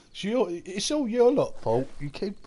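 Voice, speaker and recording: A man's voice: sits high, sing-song, takes it slowly, dark tone. Giggly man streaming a game. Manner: giggly, keeps laughing at his own jokes; chats with viewers, reading their comments aloud. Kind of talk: casual live-stream chat.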